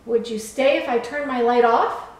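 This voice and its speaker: A woman's voice: a little high, normal speed, natural voice. A woman voicing an eager young lighthouse. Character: eager young male lighthouse, playful and earnest. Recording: echoey room from far off.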